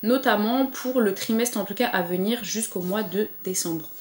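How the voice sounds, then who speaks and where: A female lifestyle vlogger speaks casually to the camera in a mid-range voice at a normal speed, and the sound is roomy. Her motivational chat is chatty and encouraging, peppered with fillers.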